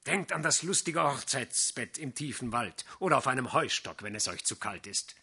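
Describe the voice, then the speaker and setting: A man putting on a loud jovial vagabond fiddler. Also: mid-range voice, animated, moderate pace, husky, heavily acted. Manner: loud, coaxing, exuberant. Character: boisterous jovial vagrant fiddler, adult man. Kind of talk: audiobook character voice.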